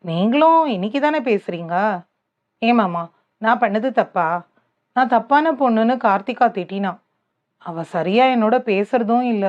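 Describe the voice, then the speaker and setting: A woman voicing an earnest young woman who is quick to tears, in pleading, defensive everyday speech from an audiobook. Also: fairly high pitch, lively intonation, highs cut off. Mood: upset.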